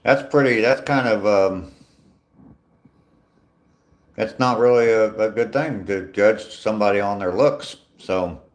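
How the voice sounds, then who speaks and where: Pausing often, a man in his sixties speaks a little slowly in a lowish voice. He's walking outdoors, talking into his phone on a live stream, reading viewers' comments and replying in a laid-back, dryly humorous way.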